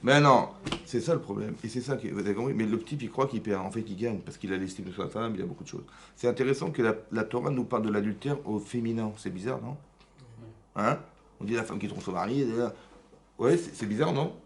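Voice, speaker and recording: A man with a French accent, a rabbi giving a Torah class in a synagogue, lively and rhetorical, asking questions and answering them himself. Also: fairly low pitch, fast.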